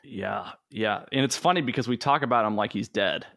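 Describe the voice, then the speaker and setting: A man's voice: lowish voice, fairly quick, vocal fry, bright, forceful tone. A man talking as a podcast guest, telling crude stories in a loose, laughing way. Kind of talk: casual comedic podcast chat.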